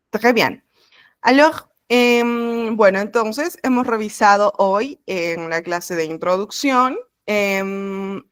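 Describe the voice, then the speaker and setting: A woman's voice: mid-range voice, clean tone, dry recording, clean studio sound. Patient woman teaching an online class. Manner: patient, explaining step by step. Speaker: French teacher.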